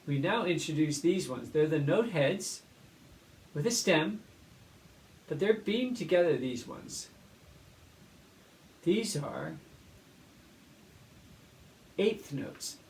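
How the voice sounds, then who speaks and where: A man teaching a primary school music lesson, explaining clearly and patiently and chanting rhythms aloud. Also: fairly high pitch, lively intonation, slow, pauses often, darkish tone. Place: classroom. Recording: echoey room, mic at a distance, faint noise.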